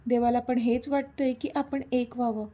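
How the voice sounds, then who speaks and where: A woman's voice: a little high, little pitch movement, normal speed, dark tone, lightly acted. A woman voicing a playful, affectionate young man in a read-aloud story. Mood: soothing. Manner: teasing, easygoing. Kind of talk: storybook reading.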